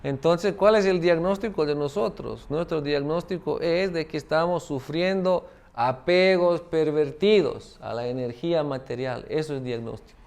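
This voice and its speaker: Man, spiritual teacher, gravelly voice, keeps asking "¿no?". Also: fairly high pitch, normal speed, hardly any pauses, darkish tone. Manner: tag question "¿no?" after many phrases. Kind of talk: devotional talk with a parable.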